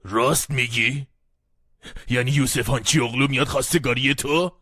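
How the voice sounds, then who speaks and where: An actor playing a gentle middle-aged father who chuckles as he welcomes his daughter home in a dubbed TV drama. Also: medium pitch, fairly even intonation, breathy edge, no echo, clean studio sound.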